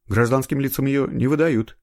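A man playing an ironic, impatient middle-aged investigator in an audiobook, gruff and scolding. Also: mid-range voice, normal speed, darkish tone, no echo, clean studio sound, voice pushed up, lightly acted. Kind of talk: audiobook reading.

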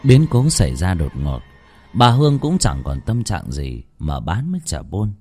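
Man narrating a horror story, very animated. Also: deep voice, moderate pace, faint music behind. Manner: dramatic, expressive delivery.

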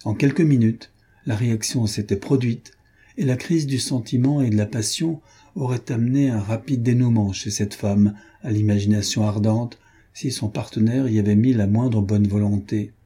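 Dark, husky male audiobook narrator. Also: fairly low pitch, normal speed.

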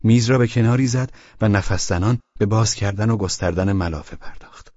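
Low husky guy reading an audiobook, lively pitch, dull dry recording. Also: dry recording. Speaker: audiobook narrator. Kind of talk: scripted narration.

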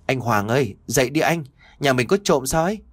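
A man's voice: medium pitch, lively intonation, brisk, no echo, lightly acted. A man voicing a frightened young wife who talks anxiously, close to tears, in a told ghost story.

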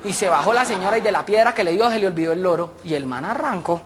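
A man telling jokes on a radio comedy segment, in a lively, chatty storytelling manner. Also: high-pitched, fast. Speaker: joke teller.

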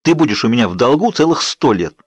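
A man's voice: medium pitch, very animated, fast talker, no echo, highs cut off. A man voicing a pleading, bubbly young woman friend in an audiobook, coaxing and wheedling. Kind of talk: audiobook character voice.

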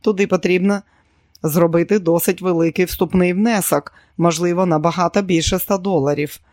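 Man doing a suave middle-aged agent, relaxed, slightly high, dry. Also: normal speed, no echo, lightly acted. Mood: businesslike.

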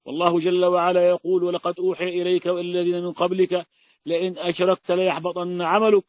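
Emphatic high-voiced male religious teacher. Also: monotone, quick pace, no echo. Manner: emphatic, piles up scripture quotations. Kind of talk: explaining a classical text. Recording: dry, dull lo-fi sound.

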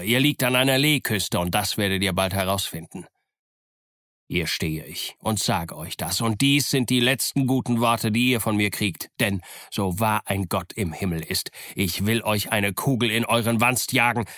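Stern unbending sea captain, read by a man, firm commanding delivery, fairly low voice, dry sound. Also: bright, forceful tone, dry recording. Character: stern, unyielding male ship's captain, middle-aged. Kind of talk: audiobook character reading.

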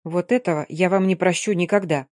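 A man's voice: high-pitched, steady tone, brisk, no room sound, studio quality, natural voice. A woman doing an eager smitten young officer. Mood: excited. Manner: enthusiastic, exclaiming.

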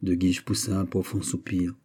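A man reading a classic novel aloud in measured, even narration. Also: sits low, breathy edge. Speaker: audiobook narrator. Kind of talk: scripted literary narration.

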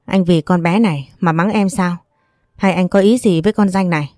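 A blunt, suspicious middle-aged man, read by a woman narrator in a storybook recording. The tone stays mellow and the room dry. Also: lowish voice, moderate pace, no echo, close to an everyday voice. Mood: indignant. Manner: accusing, blunt.

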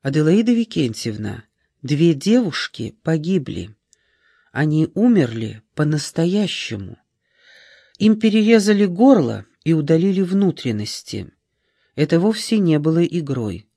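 A man reading an audiobook, voicing a young woman in her twenties who questions firmly and calmly. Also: fairly high pitch, measured pace, husky, no echo, studio quality, heavily acted. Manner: firm, probing, calm.

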